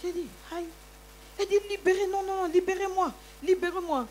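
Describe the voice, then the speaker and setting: A woman's voice: very high-pitched, fairly even intonation, fairly quick, a little mellow, a little hiss or hum, voice pushed up. A woman acting out an angry older market landlady who insists and repeats herself.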